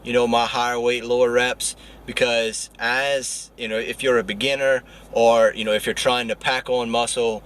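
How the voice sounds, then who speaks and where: A young man talking quickly and chattily to the camera as a fitness vlogger. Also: medium pitch, little pitch movement, a bit bright. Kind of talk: casual vlog talk. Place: gym.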